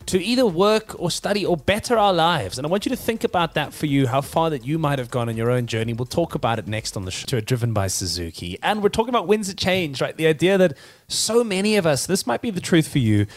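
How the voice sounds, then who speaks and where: A man's voice: fairly high pitch, fast talker. Upbeat South African male presenter. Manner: energetic, addresses the viewer directly. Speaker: host.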